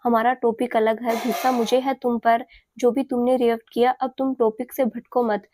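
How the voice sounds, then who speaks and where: A woman's voice: on the high side, little pitch movement, moderate pace, mellow, no echo, natural voice. Woman reading a stern, domineering young man. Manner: curt, commanding.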